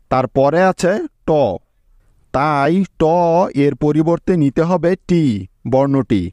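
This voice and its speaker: A male teacher giving a spelling lesson, who spells out words slowly, letter by letter. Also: on the high side, darkish tone, no echo, clean studio sound. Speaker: English teacher.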